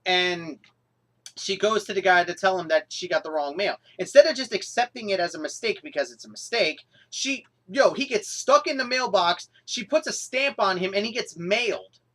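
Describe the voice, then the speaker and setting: A young woman vlogger reviewing a cartoon episode in an exasperated, animated rant with sudden outbursts. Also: medium pitch, moderate pace.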